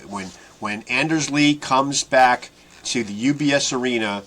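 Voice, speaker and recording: A man hosting a casual sports fan podcast, asking his co-host questions and often trailing off quietly. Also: mid-range voice, unhurried. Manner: asks his co-host questions, many restarts.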